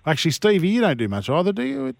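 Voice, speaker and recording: A man's voice: sits high, wildly swooping pitch, fast talker, creaky, no echo. A blokey Australian man bantering casually as a sports radio host, with a cheeky, matey manner. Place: radio studio.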